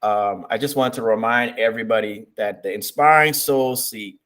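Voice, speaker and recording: A man hosting an online interview on a video call, measured and encouraging, often repeating his words. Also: fairly low pitch, a bit bright. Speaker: host.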